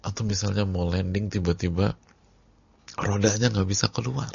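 A male Islamic preacher, giving a sermon as vivid storytelling that swings from whispers to loud, dramatic outbursts. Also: on the low side, fairly even intonation, moderate pace, gravelly, slightly rough, no room sound. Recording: dull lo-fi lecture recording.

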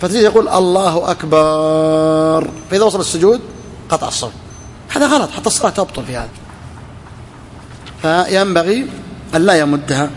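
This sheikh speaks fast and expressively in a high voice with long pauses, a faint hiss or hum on the recording. Explaining a classical fiqh text to students with a touch, he repeats key phrases, poses and answers his own questions, and stretches out words as demonstrations.

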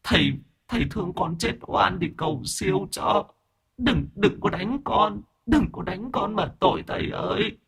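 A man's voice: high-pitched, moderate pace, gravelly, a bit bright, breathy edge, voice pushed up, exaggerated voice. A man putting on a sobbing young ghost girl. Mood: sobbing plea. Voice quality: voice half woman, half man. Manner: sobbing, begging. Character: young female ghost, died wronged, pleading. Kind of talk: horror story narration.

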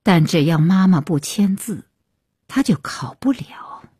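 Slow husky woman reading a story. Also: lowish voice, dry recording, studio quality. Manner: measured expressive reading. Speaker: audiobook narrator. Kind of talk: scripted story narration.

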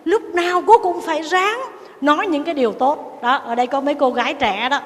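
A Buddhist nun tells a teaching story in an animated way, often turning to her listeners. Her voice sits high. Long reverb from the hall hangs behind her words. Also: a little fast. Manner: animated storytelling, addressing the audience. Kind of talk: storytelling sermon.

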